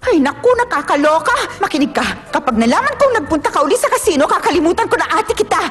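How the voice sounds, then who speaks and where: A woman playing a sharp-tongued young woman scolding her older sister in a dubbed drama. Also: very high-pitched, big pitch swings, fast. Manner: scolding, exasperated.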